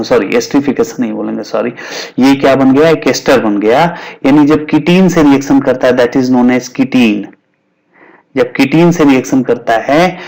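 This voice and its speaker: A man's voice: medium pitch, a little mellow. Male chemistry teacher, mix. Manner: repeats key terms, asks and answers his own questions. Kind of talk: explaining at a whiteboard.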